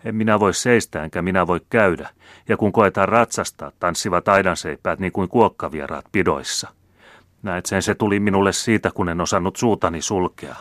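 A man's voice: deep voice, a bit bright, dry recording, clean studio sound. A man reading the part of a frightened young male servant who rambles and jumbles his words. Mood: rambling. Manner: rambling, jittery.

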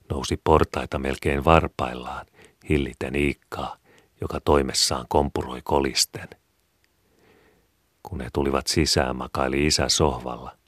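A man reading a story aloud in a calm, measured way. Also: very deep voice, no echo, clean studio sound. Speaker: story reader. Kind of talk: storybook narration.

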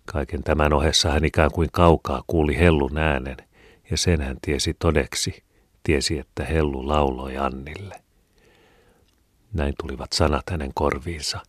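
A man narrating a classic novel as an audiobook reader, in a calm, measured storytelling manner. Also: extremely low pitch, husky, no room sound, studio quality.

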